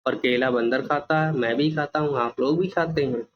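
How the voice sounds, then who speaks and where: A man teaching a children's English workbook, slowly repeating words and their meanings. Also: medium pitch, muffled recording. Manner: slow, repeats each word and meaning for children.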